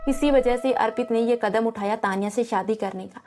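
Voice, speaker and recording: High-voiced woman narrating a drama. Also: fairly quick, warm tone, faint music behind. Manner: emotive storytelling.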